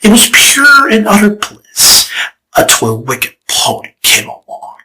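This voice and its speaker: A man's voice: mid-range voice, pushed and bright, rough recording. A man voicing Discord, a grandiose, theatrical lord of chaos telling a showy story in a comic fan dub. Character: grandiose old male draconequus lord of chaos. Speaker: fan voice actor.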